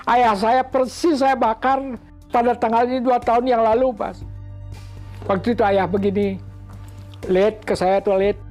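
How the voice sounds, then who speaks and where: Older man, animated storyteller, faint music underneath. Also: extremely high pitch, moderate pace. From Bali, Indonesia. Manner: animated, acts out counts and voices of others. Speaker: interviewee. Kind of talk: personal storytelling.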